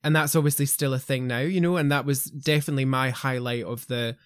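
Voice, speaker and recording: A man hosting a veterinary podcast, chatty and animated as he tells stories. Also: mid-range voice, fast talker, clear, resonant tone, no echo, clean studio sound. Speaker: podcast host, vet. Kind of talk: casual podcast chat.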